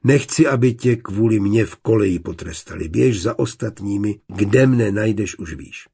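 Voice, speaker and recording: A man's voice: on the low side, animated, gravelly, mellow, breathy edge, exaggerated voice. A man reading an audiobook, voicing an indignant young servant woman with a raised voice. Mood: calm. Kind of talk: audiobook character voice.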